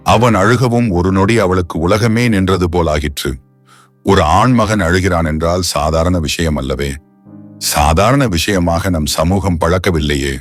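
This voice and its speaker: A man narrates a romance novel in a measured, storytelling way. His voice is very low and steady. Quiet music plays faintly underneath.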